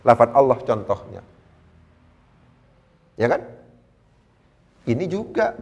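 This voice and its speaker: A man teaching Quran Arabic grammar in a lecture, animated, asking his listeners rhetorical questions and reciting verses slowly. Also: mid-range voice, husky, dull audio.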